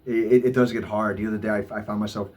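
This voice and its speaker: A man speaking in a halting personal vlog monologue, with many stammered repeats. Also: lowish voice, flat delivery, darkish tone. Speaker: vlogger. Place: Los Angeles. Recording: faint music behind.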